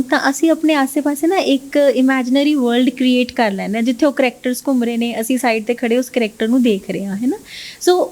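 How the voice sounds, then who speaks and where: A woman's voice: high-pitched, darkish tone. A woman English teacher, explaining her methods in an interview and often checking "right?" with the listener. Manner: mixes English phrases into Punjabi, keeps asking "right?".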